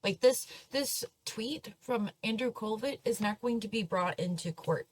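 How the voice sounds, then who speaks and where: A woman's voice: a little high, a little slow. A woman hosting a commentary channel, chatty and dismissive. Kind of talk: casual commentary.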